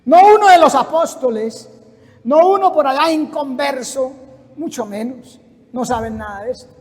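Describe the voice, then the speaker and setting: A male preacher, giving an impassioned sermon and often shouting. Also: extremely high pitch, moderate pace, in a large hall.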